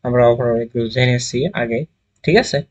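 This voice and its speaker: A man's voice: medium pitch, monotone, moderate pace. A man teaching a grammar lesson, asking the class questions, answering them himself and sounding out letters one at a time. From Bangladesh.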